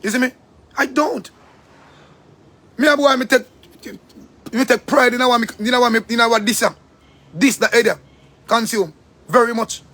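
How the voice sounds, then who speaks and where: A man with a Jamaican accent hosting a live stream, talking in a rambling, profane, animated way. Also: very high voice, moderate pace, pauses often. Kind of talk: casual live-stream rant.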